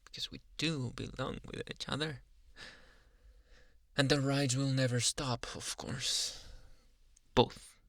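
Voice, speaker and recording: A mid-range, steady male voice, dry and studio-clean, plays a young yandere Uber driver in an intimate ASMR roleplay. The character is obsessive, doting, coaxing and pleased with himself, his speech halting with quiet whispers, and the mood is tender and playful.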